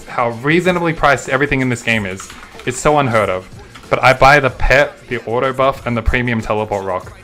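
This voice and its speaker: A man's voice: mid-range voice, fairly bright tone. Laid-back Australian man streaming a game. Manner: chatty, laid-back, swears casually. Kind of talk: casual gameplay commentary, answering chat.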